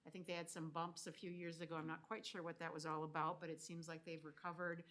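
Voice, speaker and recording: Hesitant low-voiced woman board member. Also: level tone, quick pace, fairly bright tone. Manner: hesitant, with many fillers. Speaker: board member giving a liaison report. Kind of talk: informal report. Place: school board meeting room.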